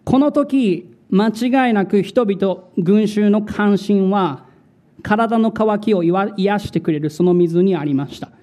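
A male pastor preaching a sermon in a slow, dramatic way, repeating words for emphasis. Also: high-pitched, dark tone.

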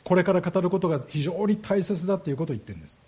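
A man's voice: high voice, animated, warm tone, slightly rough. A man preaching a sermon as a pastor, explaining scripture and asking his congregation rhetorical questions. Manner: slows down heavily on key words.

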